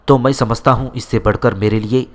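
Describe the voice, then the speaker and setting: A man's voice: mid-range voice, fairly even intonation, darkish tone, lightly acted. Man reading as a gallant courteous young man.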